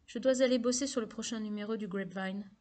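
An earnest, emotional teenage girl, as a woman narrator puts her on, her voice raised higher and pushed louder than the narration. She speaks with lively emphasis. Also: quick pace, natural voice. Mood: emphatic.

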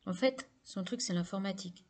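An earnest, emotional teenage girl, as a woman narrator puts her on, her voice raised higher and pushed louder than the narration. She speaks with lively emphasis. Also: a little fast, close to an everyday voice. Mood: emphatic.

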